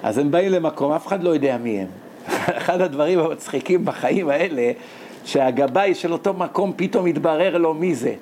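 A man with a fairly high voice preaches a lively, story-filled sermon. He jumps into high, excited voices for the people in his tales and laughs often along the way. A faint noise sits behind him. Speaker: rabbi giving a Torah lecture.

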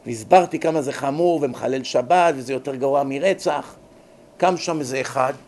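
A man who is a rabbi giving a religious lecture, telling stories in an animated, emphatic way. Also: fairly high pitch.

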